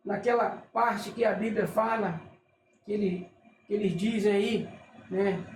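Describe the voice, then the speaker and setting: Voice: medium pitch, steady tone, a little slow. A religious teacher, explaining casually while reading from a list, often checking in with the listener and stopping to correct themself. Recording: echoey room with faint noise.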